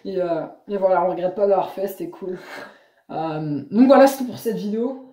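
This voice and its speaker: A young woman vlogger chatting casually, telling an anecdote in lively slangy storytelling. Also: medium pitch, fairly quick. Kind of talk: casual chat. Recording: echoey room.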